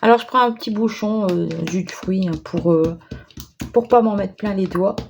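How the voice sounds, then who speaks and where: A woman's voice: medium pitch, moderate pace, slight background noise. A woman with a northern French accent demonstrating a craft project in a chatty, hesitant way, with many fillers. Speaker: crafting tutorial host.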